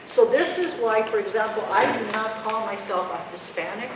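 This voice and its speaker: Speaking at a normal speed with an expressive, rather high voice, this activist in her fifties addresses the public in Spanish, passionate yet conversational and full of rhetorical questions. The recording comes from far away in a reverberant room, with clear noise.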